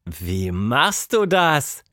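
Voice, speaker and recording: A man's voice: mid-range voice, big pitch swings, extremely slow, pushed and bright, dry recording, studio quality, full character voice. A man voicing a curious, adventurous young girl with an eager, raised voice.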